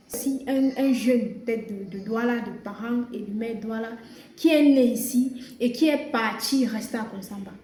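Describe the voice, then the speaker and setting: A woman's voice: fairly high pitch, mellow. A young woman with a Cameroonian French accent gives earnest casual commentary to her viewers, often repeating words as she searches for them. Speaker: social media content creator. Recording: roomy echo, faint background noise.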